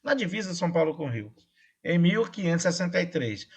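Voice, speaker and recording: A man's voice: fairly high pitch, big pitch swings, fast talker, husky. Casual man teaching history online. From Brazil. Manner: casual, checks in with "tá?" and "né?". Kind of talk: online class lecture.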